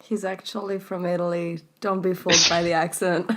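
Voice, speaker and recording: A woman's voice: on the low side, little pitch movement, moderate pace, a bit bright, slight background noise. A woman co-hosting a casual podcast, teasing and chiming in playfully. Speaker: podcast co-host.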